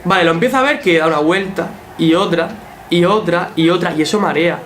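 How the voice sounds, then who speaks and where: High-voiced young man telling a story. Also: brisk, a little hiss or hum. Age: young adult. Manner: animated, swears freely, acts out quotes. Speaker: athlete recounting his show run. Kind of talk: casual storytelling vlog commentary.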